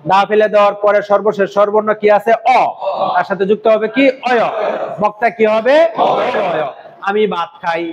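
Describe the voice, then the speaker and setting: A man's voice: high-pitched, fairly even intonation, normal speed, highs cut off. A man teaching a grammar lesson to a classroom, drilling students with repeated questions and example sentences. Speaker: Korean language teacher.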